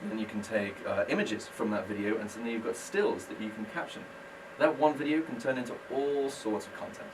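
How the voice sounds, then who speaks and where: On a casual radio interview, a British business owner talks about his work, friendly and quick to undersell himself. His mid-range voice moves fairly quickly, captured from a distance with noise in the background.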